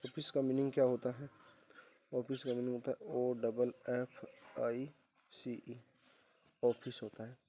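Male teacher solving an exam paper, keeps asking the class the answer, dark monotone, bit of faint hiss. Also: medium pitch, measured pace, pauses often. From India. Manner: repeats questions back to students; spells words letter by letter.

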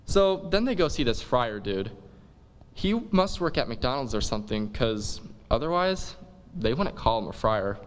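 A man delivers a comic monologue in relaxed dude slang, peppering it with "like". His voice sits at an ordinary middle pitch. A long reverb follows his words, as in a big hall. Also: moderate pace, clear, resonant tone. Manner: laid-back slangy dude talk with many "like"s. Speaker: comic performer. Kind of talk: comic monologue retelling a play.

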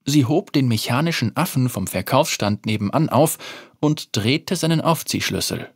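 A narrator reading a fantasy short story aloud in an expressive, scripted storytelling manner. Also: mid-range voice, moderate pace, gravelly, breathy edge, dry recording, clean studio sound.

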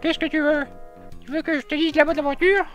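A man's voice: very high-pitched, steady tone, fairly quick, fairly bright tone, faint music behind, pitched above the performer's own voice. A man voicing a boastful, chirpy fortune-telling machine in a video game, with theatrical sales patter. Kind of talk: voicing game dialogue during a playthrough.

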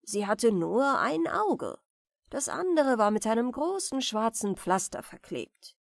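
Calm bedtime-story narrator, woman, slow, tuneful, dry close sound. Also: a little high, gravelly, dry recording. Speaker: audiobook narrator. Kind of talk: bedtime fairy tale narration.

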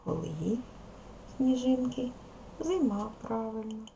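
A woman teacher with a Ukrainian accent gives a recorded lesson to small children, slow and patient. Her voice has a strong gravelly fry, and a faint hiss sits under the recording. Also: on the high side, expressive, mellow, low-quality recording. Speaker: primary school teacher. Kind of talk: video lesson for young pupils.

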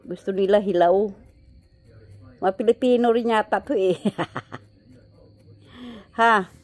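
A woman with a mid-range voice and Filipino accent laughs and coos baby talk at her pet chickens, chatting slowly and warmly with them and the camera. The scene is a patio lawn outdoors, recorded on a handheld phone held pointing down.

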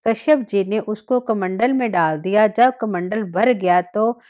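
A woman narrating a devotional scripture story in a steady reciting manner, with the occasional slip and restart. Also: medium pitch, a little slow.

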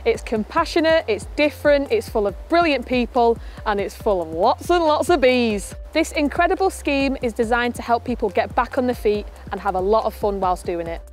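A young woman, presenting to camera outdoors in a lively, chatty way. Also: on the high side, normal speed, few pauses. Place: outdoors, rooftop and cathedral garden.

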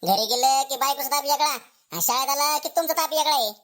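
A woman's voice: high voice, brisk, heavy background noise, close to an everyday voice. A woman voicing a tired male village schoolteacher, scolding and complaining. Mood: weary. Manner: scolding, exasperated.

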